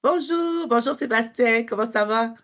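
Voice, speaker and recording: A woman's voice: a little high, moderate pace, fairly bright tone. A woman from Montreal with a Quebec French accent, answering interview questions as a mortgage broker, friendly and hesitant with many fillers.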